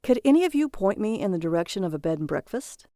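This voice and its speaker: A woman's voice: medium pitch, very animated, quick pace, warm tone, no room sound, studio quality, natural voice. A woman voicing a polite, exasperated adult male traveler who is sometimes sarcastic.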